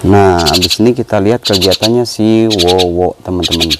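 A pet bird keeper and channel host vlogs casually from his home bird cages on a phone camera, chatting to viewers and coaxing his birds in a playful voice. His voice sits low at a normal speed, over heavy background noise of bird calls and clicks.

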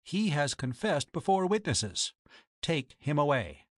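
A man's voice: a little high, big pitch swings, measured pace, no room sound, clean studio sound. A man reading the lines of a proud, cold woman who keeps a boarding house, speaking formally and accusingly. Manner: formal, accusing, coolly biting.

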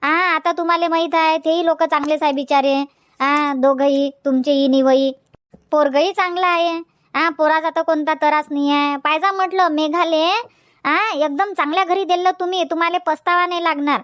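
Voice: sits high, fairly even intonation, moderate pace, a bit bright, no room sound, studio quality. A voice actor playing a village man who consoles the family, soothing and repetitive. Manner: soothing, repeats himself with "mhatla".

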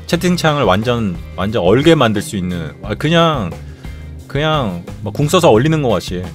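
A middle-aged man hosts a casual live stream in a voice of ordinary pitch that swings widely up and down. He tells his stories roughly, swearing all the time. Faint music plays behind him. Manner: profane, animated storytelling with constant swearing. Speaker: streamer host.

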